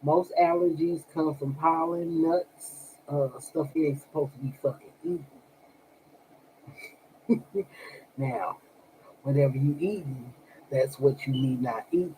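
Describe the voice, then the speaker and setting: A woman's voice: low voice, takes it slowly, pauses often, dark tone, a little hiss or hum, low-quality recording. A woman chatting casually on a livestream as a tarot reader, blunt and profane, talking straight to her viewers. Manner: blunt and profane, talks to chat directly.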